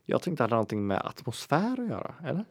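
A man's voice: mid-range voice, huge pitch swings, no echo. A man co-hosting a podcast in casual chat, joking and laughing often. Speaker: podcast co-host.

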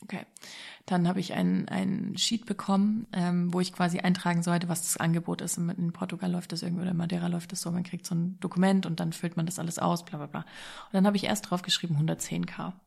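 A woman telling a personal story in a casual, excited way, dropping English phrases into her talk. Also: lowish voice, quick pace, gravelly, slightly rough.

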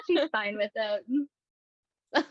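A woman's voice: a little high, lively intonation, a little hiss or hum, poor audio. A woman co-hosting a comedy podcast, reading a silly bot-written horror script aloud and laughing often. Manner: giggly, reads in a slow drawl with frequent laughs. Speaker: podcast co-host.

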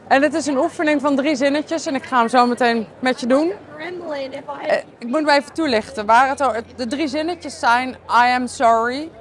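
A woman hosting her podcast in a candid, casual video diary, tired and halting, with many fillers. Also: a little high. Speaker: podcast host.

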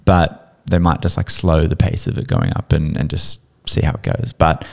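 A man's voice: a bass voice, lively intonation, normal speed, gravelly, a little mellow. An Australian man co-hosting a podcast in casual, informal chat. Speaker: podcast co-host.

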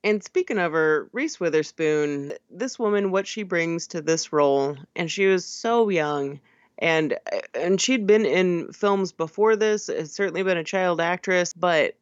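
A woman's voice: fairly low pitch, a little slow, dry recording. A woman co-hosting a podcast, chatting casually about a film with frequent laughs and fillers. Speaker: podcast co-host. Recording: slightly dull lo-fi sound.

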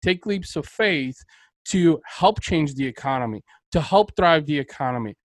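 A male podcast host with a fairly high voice. He talks with emphatic, motivational enthusiasm. The sound is dry and close, with almost no room around him. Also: expressive, moderate pace, no room sound, poor audio. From Bulgaria. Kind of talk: interview conversation.

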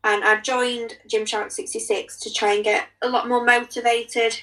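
A woman's voice: a little high, little pitch movement, normal speed, pushed and bright, distant mic, poor audio. A young woman casually running through a list of her fitness goals in a plain way. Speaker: participant sharing fitness goals. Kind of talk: casual chat.

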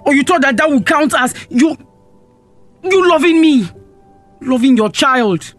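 A man's voice: very high-pitched, animated, a little slow, fairly bright tone, soft background music, exaggerated voice. A young man with a Nigerian accent playing a resentful, neglected teenage son in a radio drama, confronting his mother. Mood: furious. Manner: confrontational, accusing.

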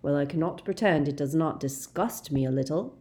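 A woman voicing a very old, wise male headmaster who speaks calmly and quietly. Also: sits low, brisk, close to an everyday voice. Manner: calm, quiet, gently dry.

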